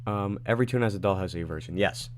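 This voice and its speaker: Rambling man answering livestream chat. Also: lowish voice. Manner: rambling, reads chat questions aloud, quick asides. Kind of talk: casual livestream Q&A. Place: at home in his room.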